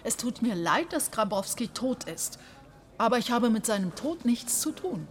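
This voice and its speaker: An actress playing a defensive, indignant witness in a radio crime drama, speaking curtly. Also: female voice, fairly high pitch, very animated, moderate pace. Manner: curt, defensive. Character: indignant, defensive woman witness giving a police statement.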